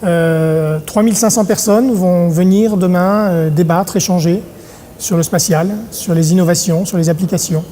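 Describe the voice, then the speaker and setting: A middle-aged man from Paris, an event organizer talking in an interview, pausing often on filler sounds. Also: high-pitched, fairly even intonation, warm tone. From Paris, France. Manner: hesitant, many filler sounds. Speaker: congress organizer. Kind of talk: interview monologue.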